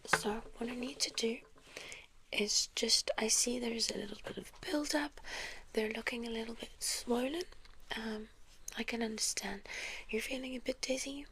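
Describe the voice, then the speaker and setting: A South African woman in a whispered role-play as a gentle, reassuring doctor, speaking softly and very close, right into the ear. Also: fairly high pitch, a little hiss or hum, poor audio. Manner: gentle, reassuring, unhurried patter of an examiner. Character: polite, reassuring female doctor examining a patient. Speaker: ASMR performer playing a clinic doctor. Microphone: very close microphone.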